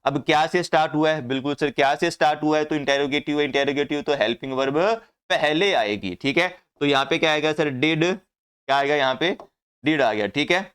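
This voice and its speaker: A man's voice: fairly high pitch, brisk, a bit bright, clear, resonant tone. A man teaching an English grammar class, often asking the class questions and answering them himself.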